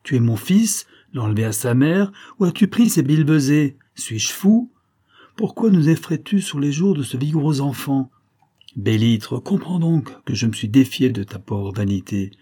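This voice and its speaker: A man's voice: mid-range voice, normal speed, darkish tone, breathy edge. A man doing a thundering, scornful noble count. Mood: furious. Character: furious, haughty noble count, middle-aged man.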